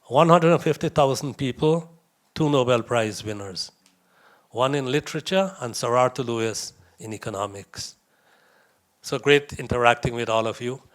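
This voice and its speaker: A man's voice: medium pitch, normal speed. A man from India, giving a conversational lecture to young visitors, anecdotal with chuckles and asides.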